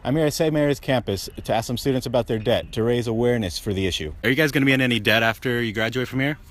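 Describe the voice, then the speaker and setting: A man's voice: medium pitch, very fast, a bit bright. A man working as a field correspondent, doing casual street interviews and repeating answers back. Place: out on a college campus.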